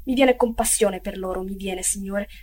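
A woman's voice: medium pitch, fairly even intonation, normal speed, a little mellow, a little hiss or hum, natural voice. Woman voicing fawning prison food-seller. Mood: gossipy. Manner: obsequious, gossipy, emphatic.

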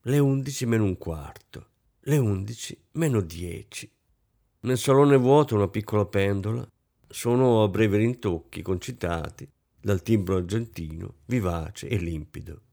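A man reading a novel aloud in an expressive, dramatic way. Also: on the low side, moderate pace. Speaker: audiobook reader. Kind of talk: expressive literary narration.

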